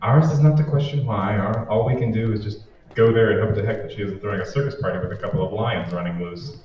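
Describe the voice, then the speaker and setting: This old-time radio drama features a man playing a reluctant, wisecracking boyfriend who grumbles sardonically about his boss's parties. His natural voice is fairly low and fast. The audio sounds muffled, distant and very echoey, with faint noise.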